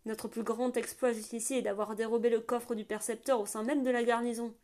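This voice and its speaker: A woman's voice: on the high side, level tone, a little fast, a little mellow, lightly acted. A woman voicing a hearty, bearded rebel prince, an older man who speaks grandly and rousingly. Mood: solemn, rousing.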